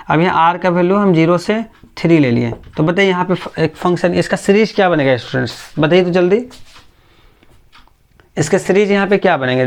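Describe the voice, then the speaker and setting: A man teaching physics in a gravelly, slightly raised voice. He speaks slowly and patiently, repeating points and keeping checking that his students follow. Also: a little high. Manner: patient, repetitive, checks understanding often. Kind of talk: classroom lecture.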